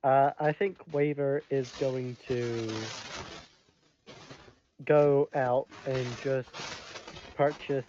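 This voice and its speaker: A man playing in a tabletop game, talking in a deliberate way. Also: mid-range voice, flat delivery, warm tone, dull audio, slight background noise. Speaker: player. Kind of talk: casual tabletop game play.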